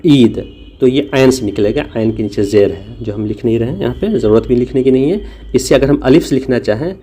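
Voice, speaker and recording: A man's voice: mid-range voice, a little fast, mellow. A man teaching a language lesson, explaining patiently and demonstrating sounds. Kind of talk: spoken lesson.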